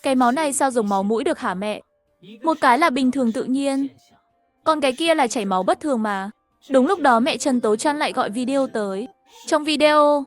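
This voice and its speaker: High-voiced woman narrating a cartoon. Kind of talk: dubbed cartoon story narration. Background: faint music.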